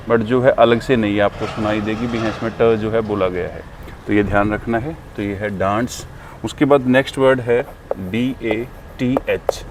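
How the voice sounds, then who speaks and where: A man teaching English pronunciation in a spoken lesson, patiently repeating each drill word several times and asking whether it is clear. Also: mid-range voice, noisy background. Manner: asks "clear?" after each point.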